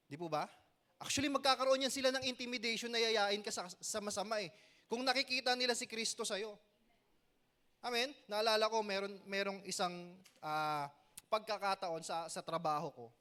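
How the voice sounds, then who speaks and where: Young male youth pastor, high bright voice, animated preaching with crowd call-outs. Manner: preachy, asks the crowd "Amen?" often; animated storytelling with joking asides. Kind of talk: youth sermon.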